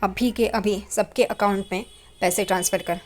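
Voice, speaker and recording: A woman's voice: medium pitch, fairly even intonation, normal speed, darkish tone, close to an everyday voice. A woman voicing a stern, angry middle-aged father who scolds and demands answers while retelling a family drama. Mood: furious.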